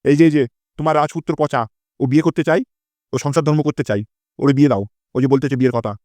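A man's voice: fairly high pitch, fast, darkish tone, no room sound, natural voice. A man voicing a crude, hot-tempered cartoon father who curses and threatens his son. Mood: angry. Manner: cursing and threatening. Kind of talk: comic Bengali cartoon voice acting.

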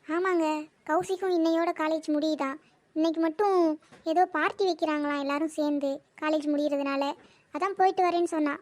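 Brief: fretful cartoon mum with three daughters, scolding tone, very high and light voice, a woman performing. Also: fairly even intonation, a little fast, a little mellow, dry recording, close to an everyday voice. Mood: gentle. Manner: scolding, complaining. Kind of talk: animated cartoon voice acting.

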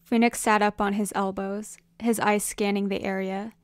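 Woman narrating a story, smooth. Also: medium pitch, level tone, normal speed, no echo, studio quality. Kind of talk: fan fiction audiobook reading.

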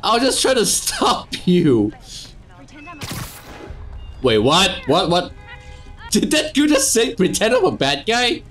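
A man's voice: sits high, huge pitch swings, takes it slowly, pauses often, a bit bright. A man giving joking, casually swearing game commentary with mock exasperation. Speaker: gameplay video maker and commentator. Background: video game music.

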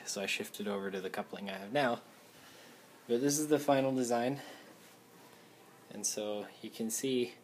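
A young man with a lowish voice gives an easygoing show-and-tell of his hobby builds. He explains each piece offhandedly into a handheld camera in his garage, with a faint background hum. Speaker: hobbyist vlogger. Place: home garage, indoors.

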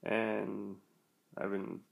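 Sick young guy doing a casual vlog, super slow n hesitant, low voice full of vocal fry. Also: little pitch movement. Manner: halting, hesitant, trailing off. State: feeling sick, achy and nauseous. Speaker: vlogger.

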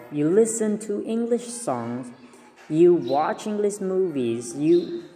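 A high-pitched young man with a Cambodian accent, whose first language is Khmer, speaks slowly and mellowly while giving language tips to camera. He earnestly repeats words and restarts a lot, recording on a phone at arm's length in a small indoor room with a big-room sound.

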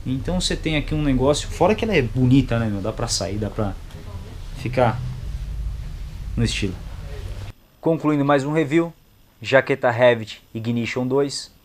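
Here a young man with a Brazilian accent delivers a relaxed, slangy product review in short bursts. He uses a mid-range, expressive voice at a moderate pace, leaving long pauses. The setting is indoors in a motorcycle gear shop, with clear shop sounds behind him.

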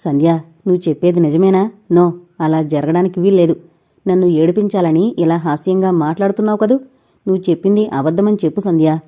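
A woman's voice: lowish voice, a little fast, dark tone, close to an everyday voice. Woman reading as a heartbroken young lover. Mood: pleading, anguished. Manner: emotional, pleading and accusing. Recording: dull lo-fi recording.

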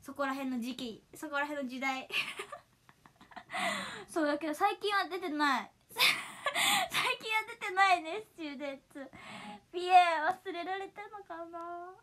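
Giggly high bright-voiced young woman. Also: moderate pace. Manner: giggly, chatty, laughs often. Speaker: idol livestream host. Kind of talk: casual livestream chat, reading viewer comments.

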